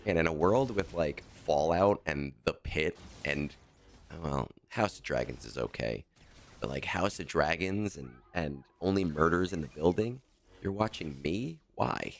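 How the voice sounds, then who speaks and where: Man, extremely low voice, scratchy morning voice, rambling casual stream chat. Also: expressive, a little slow. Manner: rambling, joking. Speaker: game streamer.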